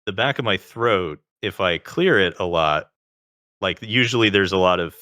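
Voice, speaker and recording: Very deep, bright man's voice with vocal fry. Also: animated, moderate pace, dry recording, studio quality. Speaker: interview guest, self-taught singer. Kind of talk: conversational explanation.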